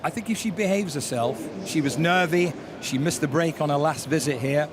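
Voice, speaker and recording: A man giving measured opinions as a racing analyst in live pre-race discussion. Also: a little high, background noise.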